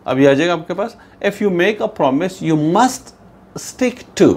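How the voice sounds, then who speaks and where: Male teacher, unhurried delivery, animated intonation, classroom explainer. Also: high voice, slight background noise. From Pakistan. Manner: reads English slowly and explains in Urdu-Hindi; addresses pupils as "beta", repeats "theek hai". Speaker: English teacher. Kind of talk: bilingual classroom lesson.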